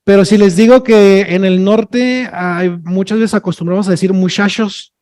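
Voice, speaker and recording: At a moderate pace, a man whose voice sits high and a little mellow lectures at a workshop as a sign language trainer. His style is chatty and joking, and he keeps checking in with "ok?" and "no?".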